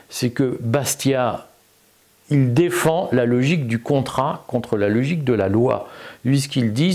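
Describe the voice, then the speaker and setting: A man's voice: mid-range voice, a little mellow. A man giving an unscripted video commentary, argumentative and emphatic, with frequent fillers and repeated words. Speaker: political commentator.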